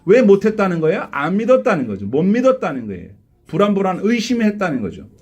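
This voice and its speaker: Man, pastor, live church sermon, high voice, very animated intonation, rhetorical questions. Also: fast. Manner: animated, asks the congregation rhetorical questions, acts out quotes. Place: church sanctuary.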